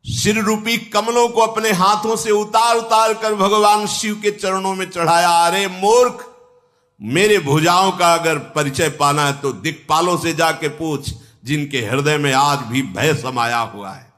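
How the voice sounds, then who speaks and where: A man's voice: sits high, fairly even intonation, measured pace, fairly bright tone, pitched above the performer's own voice. A man putting on a boastful demon king. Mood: boastful scorn. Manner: boastful, scornful retelling.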